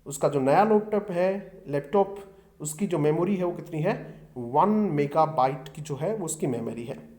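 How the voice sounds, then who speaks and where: A middle-aged man gives an exam-prep vocabulary lesson in a slightly high, somewhat mellow voice, expressive and unhurried. He often poses a question to his students and then answers it himself.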